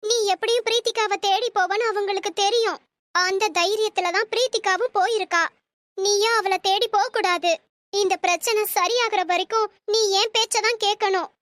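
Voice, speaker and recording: A woman voicing a shrill scheming cartoon mother. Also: steady tone, moderate pace, a bit bright, no room sound. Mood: commanding. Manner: scolding, lecturing, fake tearful pleading. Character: stern scheming middle-aged mother, manipulative. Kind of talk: cartoon story voice acting.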